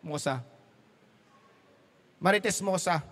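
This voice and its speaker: A man's voice: sits high, slow pace, a bit bright, in a large hall. A man preaching a sermon as pastor, mixing Tagalog and English, telling jokes and laughing at his own stories.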